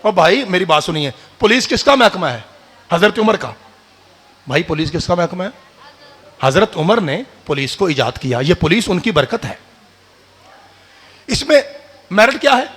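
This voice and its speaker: A man preaching a sermon, fiery and addressing the crowd directly, rising to shouts. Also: high voice, big pitch swings, long pauses, husky. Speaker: preacher at a religious gathering. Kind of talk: sermon with call-and-response. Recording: long hall reverb.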